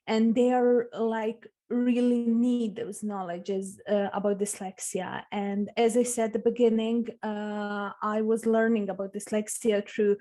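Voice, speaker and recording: Young croatian woman, accented english, lots of uh pauses, highish flat voice, video call. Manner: halting non-native English with frequent uh fillers. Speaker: guest author. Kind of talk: video interview.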